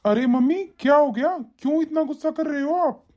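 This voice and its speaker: A man voicing a young married son who turns stern and scolds his wife in an animated story. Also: very high-pitched, fairly quick, dull audio. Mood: puzzled.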